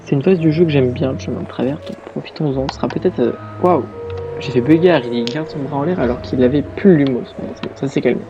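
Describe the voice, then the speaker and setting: A man's voice: medium pitch, quick pace, dull audio. A tired, yawning man giving casual, rambling commentary while playing a video game, with game music behind. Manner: chatty, rambling asides. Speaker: let's play gamer.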